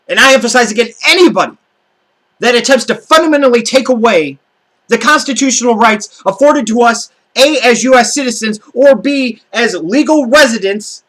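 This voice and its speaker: An American video blogger delivers an angry, profane political rant to camera, heatedly stressing his words. His voice is extremely high-pitched and fairly bright, and the recording is rough.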